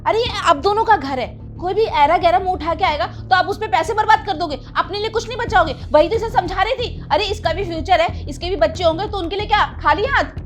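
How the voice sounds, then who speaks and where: Woman as a scheming meddlesome mother, scolding, taunting, high-pitched, faint music behind. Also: a little fast. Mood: defensive. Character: scheming meddlesome middle-aged mother, sharp-tongued. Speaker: mother-in-law character. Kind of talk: family drama acting.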